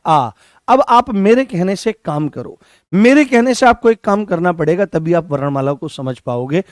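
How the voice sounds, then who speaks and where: A high-pitched man teaches a Hindi lesson, repeating key terms and firing questions back at his students. The sound is dry and close, with chatty folksy asides between the drills. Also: darkish tone, no echo. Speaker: Hindi teacher for exam prep. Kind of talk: classroom lecture.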